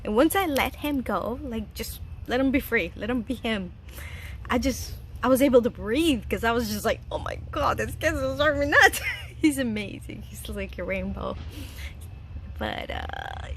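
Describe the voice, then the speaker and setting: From her home garden, a woman in her thirties from Chile offers casual life advice as a vlogger, talking earnestly and chattily and laughing easily. Her slightly high, fairly bright voice swings hugely in pitch at a normal speed, with a faint background hiss.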